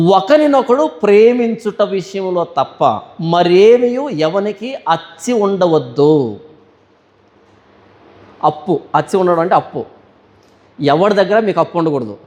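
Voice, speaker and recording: High-voiced man preaching in a reverberant hall. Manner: asks rhetorical questions and answers them; reads scripture verses slowly and deliberately. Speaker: pastor. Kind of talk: Bible study sermon.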